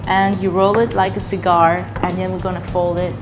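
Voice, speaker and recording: Speaking somewhat fast in a lowish voice, a young woman demonstrates a recipe on her studio cooking show, staying relaxed as she takes it one step at a time. A lapel mic picks her up indoors in the kitchen set, while music runs beneath the voices and pans and cutlery clink.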